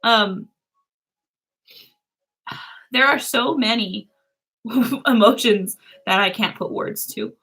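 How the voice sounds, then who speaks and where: Woman, fairly high pitch, bright sharp tone, casual livestream chat, giggly, loose phrasing. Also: slow, long pauses, breathy edge. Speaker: livestream co-host.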